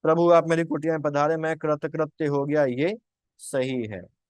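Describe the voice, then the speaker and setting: A man's voice: a little high, fairly even intonation, normal speed, clear, resonant tone, dry recording. A young man teaching grammar for an exam. He poses questions, answers them himself, and keeps repeating his points. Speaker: exam-prep Hindi teacher.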